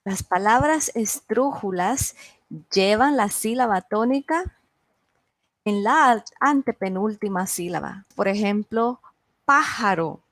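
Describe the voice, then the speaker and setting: A woman teaching a beginners' class online, sounding out each word slowly and clearly for her students. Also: mid-range voice, lively intonation, no echo. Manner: slow, carefully enunciated word drills. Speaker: Spanish teacher.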